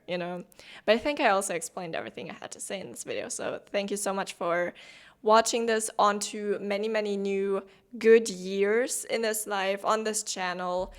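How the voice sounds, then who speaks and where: A woman hosting her own channel as a spiritual coach, talking to camera in a chatty, rambling and earnest way, full of fillers. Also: medium pitch. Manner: earnest and heartfelt. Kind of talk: casual direct-to-camera vlog.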